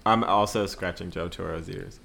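A man's voice: low-pitched, steady tone, normal speed, vocal fry, noisy background. A man playing a tabletop game, talking casually and thinking aloud about plans. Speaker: player.

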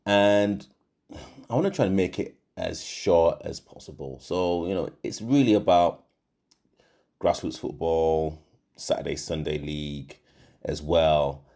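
With a deep, warm voice and a measured pace, a middle-aged English podcast host with a Yorkshire accent talks casually on his own. He rambles, often using fillers and correcting himself.

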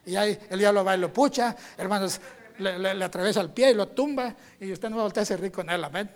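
A man's voice: high voice, fast. A man preaching a sermon, peppering his lines with amén and hermanos and acting out quoted voices. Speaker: pastor.

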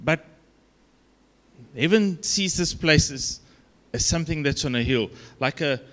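Speaking as a guest preacher, a man from South Africa gives an informal sermon in a broad Afrikaans accent, halting and conversational, often self-deprecating. The voice is fairly high and fairly bright, with lively intonation.

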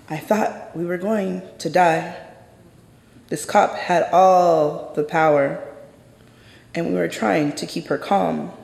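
A woman telling a personal story live on stage in a measured, solemn way. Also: low voice, vocal fry, a little mellow. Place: stage in a theater. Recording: echoey hall from a stage.

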